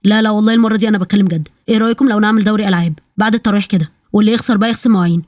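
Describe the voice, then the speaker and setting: A woman's voice: mid-range voice, fairly even intonation, racing, a little mellow, dry recording, studio quality, lightly acted. A woman voicing a scheming, food-loving middle-aged Egyptian uncle with playful ideas. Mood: eager.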